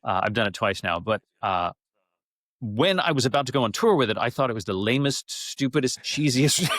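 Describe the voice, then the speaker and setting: With a sing-song, slightly bright mid-range voice at a moderate pace, a middle-aged man shares casual stories as an interview guest. He's a stage actor, effusive and rambling, and the recording has no room sound.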